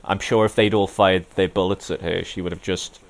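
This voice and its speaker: Deep voiced guy co-hosting a review podcast, rambly and excited, lots of likes. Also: fairly quick, vocal fry. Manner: enthusiastic, rambling with many "like"s. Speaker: podcast co-host. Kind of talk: casual review chat.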